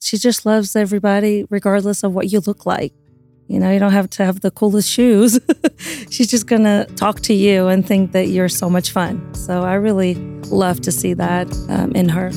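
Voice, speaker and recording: A woman's voice: medium pitch, level tone, normal speed, gravelly, dark tone, soft background music. A woman speaking casually as a mother in a testimonial, in simple conversational phrases. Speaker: mother interviewee.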